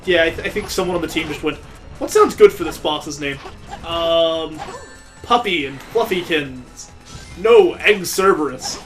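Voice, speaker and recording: Somewhat high and a bit bright, this man's voice moves a little slowly as he hosts a let's play. Video game music plays while he jokes wryly and sarcastically in casual commentary on his gameplay.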